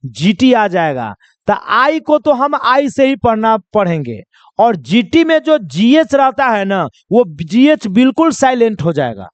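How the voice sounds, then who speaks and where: A very high-pitched male teacher leads his class through pronunciation drills, asking each question aloud and then answering it himself. His voice is smooth and clear. The recording is dry and a little dull. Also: big pitch swings, unhurried, no echo. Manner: repeats questions and answers them himself, coaxing; addresses students as children. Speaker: English teacher. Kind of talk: spoken English lesson.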